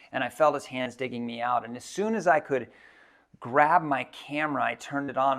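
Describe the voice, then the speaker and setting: A man in his thirties giving a reflective personal storytelling talk as a keynote speaker, halting often with fillers. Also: mid-range voice, vocal fry.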